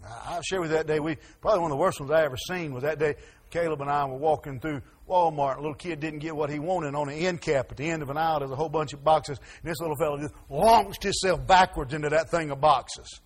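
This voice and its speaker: High, husky preacher man. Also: fast. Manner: folksy, stammering restarts, swings from soft asides to loud emphasis. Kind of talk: sermon.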